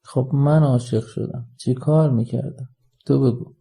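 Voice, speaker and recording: A man voicing a lovesick, impulsive young man who declares his feelings loudly, read in an audiobook story. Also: medium pitch, steady tone, creaky, husky. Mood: defensive. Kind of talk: audiobook character reading.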